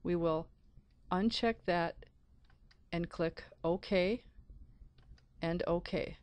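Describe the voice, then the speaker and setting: A woman narrating a screencast software tutorial as an IT support instructor, explaining methodically step by step. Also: lowish voice, drawn-out words, no room sound. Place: close, dry voice-over for a screen recording.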